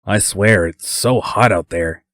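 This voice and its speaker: A man's voice: low-pitched, measured pace, a bit bright, no echo, clean studio sound. A man voicing a friendly, easygoing man welcoming guests in a storybook reading.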